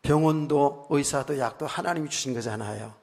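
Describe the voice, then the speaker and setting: A male pastor preaching a conversational sermon, telling stories with frequent asides, moving from quiet remarks to loud emphatic bursts. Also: mid-range voice, moderate pace, vocal fry. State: recently worn out and hoarse. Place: church sanctuary. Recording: long church hall reverb.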